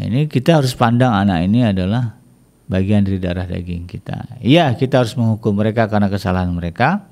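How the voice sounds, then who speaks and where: A man giving casual religious advice on family life, chatty, with many small "ya" tags and lively acted-out complaints. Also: on the low side, creaky. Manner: chatty, peppers speech with "ya", acts out quoted complaints in a raised voice. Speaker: Islamic family speaker.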